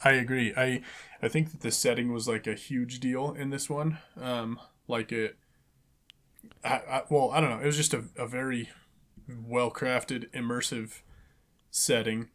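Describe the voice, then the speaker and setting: A man's voice: medium pitch, steady tone, unhurried, a bit bright. Young male co-host, easygoing review chat; stammers and restarts, ordinary mid-range voice. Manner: stammers and restarts, talks while eating. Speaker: podcast co-host. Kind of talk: casual movie review chat.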